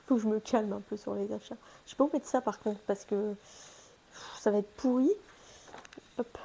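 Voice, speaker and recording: A woman's voice: mid-range voice, measured pace, creaky, dark tone, a little hiss or hum. A young woman chatting casually through a shopping haul vlog, chatty and self-mocking, talking to her pets between items. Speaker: haul vlogger.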